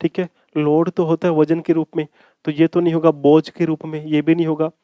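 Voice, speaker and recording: A man's voice: fairly high pitch, flat delivery, a little fast, smooth, no echo, highs cut off. Man teaching grammar in mixed English. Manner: calls students "bhai". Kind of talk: exam-prep grammar lesson.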